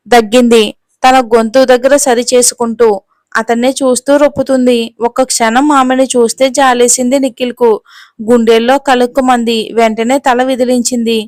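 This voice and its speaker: A woman narrating a romance serial in a steady reading voice. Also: a little high, no room sound. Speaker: storyteller. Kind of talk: scripted narration.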